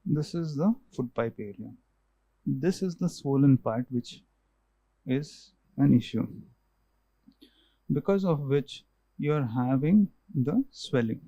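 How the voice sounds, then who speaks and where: A man's voice: medium pitch, expressive, takes it slowly, pauses often, warm tone, dry recording, rough recording. A man, an ENT doctor, patiently explaining causes and tests to a patient, often restarting and repeating himself.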